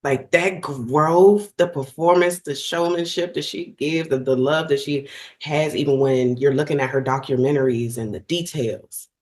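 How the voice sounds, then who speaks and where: A woman's voice: low-pitched, normal speed. Effusive woman singer in casual chat. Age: middle-aged. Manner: animated, effusive, restarts often. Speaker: guest singer.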